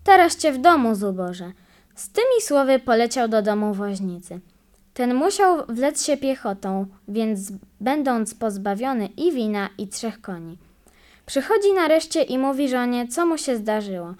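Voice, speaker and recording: A woman reading a folk tale aloud as an audiobook narrator, measured and expressive. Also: on the high side. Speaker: audiobook reader. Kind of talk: storytelling narration.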